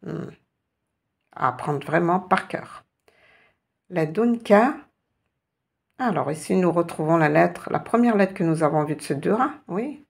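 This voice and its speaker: A woman teaching letters in a slow, patient reading lesson, repeating each sound and asking the viewer questions. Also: on the low side, creaky, a little mellow, slightly rough. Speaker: Arabic teacher.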